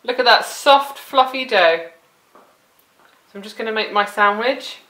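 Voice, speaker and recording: A chatty, playful woman walks through a home-cooking demo, her voice bright and a little tense. It sits slightly high for a woman. The sound is roomy, as if the mic were some way off in the kitchen. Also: unhurried, distant mic, a little hiss or hum. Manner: chatty, playful, talks to the food. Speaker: cooking presenter. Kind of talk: cooking demonstration.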